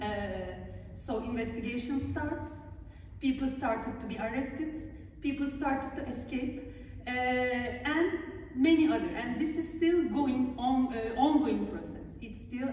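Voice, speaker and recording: Woman, Turkish accent, halting earnest lecture, echoey hall, faint room noise. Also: high-pitched, darkish tone. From Turkey. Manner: halting, many filler sounds, earnest. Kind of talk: public lecture to a gallery audience. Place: art gallery. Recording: echoey gallery hall from far off.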